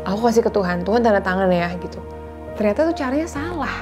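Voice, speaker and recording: With music in the background, a vlogger in her thirties talks fast and animatedly in a mid-range voice, giving earnest, confiding advice on faith and marriage. She keeps it casual and heartfelt, mixing in English words.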